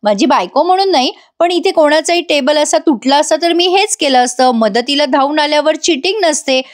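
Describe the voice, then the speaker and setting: A woman's voice: sits high, expressive, a little fast, pitched above the performer's own voice. A woman voicing a principled young husband who explains himself firmly. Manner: firm, reasoning. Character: calm, principled young husband defending his wife.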